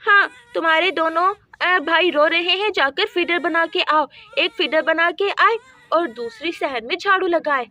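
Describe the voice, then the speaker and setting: A woman's voice: very high voice, measured pace, sharp tone, full character voice. A woman voicing a stern mother who scolds and threatens her two daughters in a doll story. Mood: scolding.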